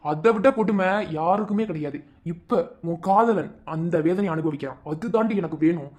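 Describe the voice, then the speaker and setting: A man's voice: high-pitched, moderate pace, a little mellow, natural voice. A man voicing a cruel, vengeful young man in a cartoon love story, speaking in a taunting, menacing way. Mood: gloating menace.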